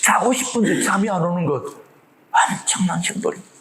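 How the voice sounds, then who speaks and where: A male pastor delivers a lively sermon, his voice pitched a little high and carrying a gravelly edge. He poses rhetorical questions to the congregation and slips into acted-out voices for the people in his story. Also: brisk, noisy background. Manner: animated preaching, acts out quoted voices, rhetorical questions.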